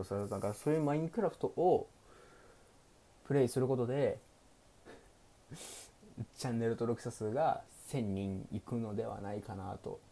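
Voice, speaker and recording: Low, mellow-voiced man chatting solo. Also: gravelly. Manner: thinking aloud, searching for words. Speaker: streamer, show host. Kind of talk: casual solo radio chat. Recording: faint background hiss.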